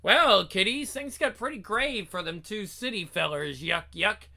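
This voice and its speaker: A man's voice: high voice, measured pace, gravelly, sharp tone, full character voice. A man playing a gleeful, creepy horror story host, mock-friendly and punning, with an evil chuckle. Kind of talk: horror anthology host narration.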